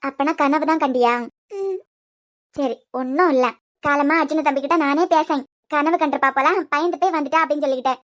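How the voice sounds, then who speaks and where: A woman's voice: high voice, a little fast, pitched below the performer's own voice, natural voice. A woman voicing a coaxing old grandmother with a Kanyakumari accent. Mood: soothing. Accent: Kanyakumari Tamil. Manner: coaxing, motherly scolding. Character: gentle elderly grandmother, soothing and scolding. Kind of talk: cartoon web series voice acting.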